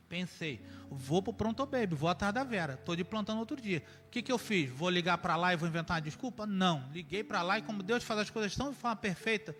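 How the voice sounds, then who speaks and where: A man preaching a sermon, emphatic, moving between loud urging and quiet reflection. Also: high voice. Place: church sanctuary. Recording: church hall with long reverb and faint music.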